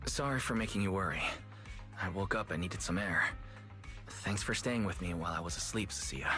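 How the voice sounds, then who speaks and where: A calm, considerate young male proxy in a game cutscene. He speaks gently in a slightly low voice while a clear music score plays underneath. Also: a little fast. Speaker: game protagonist.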